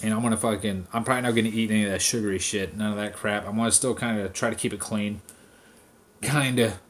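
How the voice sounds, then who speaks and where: A man ranting casually to his viewers in a vlog, stoned and relaxed, cursing constantly and rambling from one idea to the next. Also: on the low side, quick pace, slight background noise. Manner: profane, rambling, addressing viewers directly. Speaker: vlogger. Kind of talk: casual rant to camera.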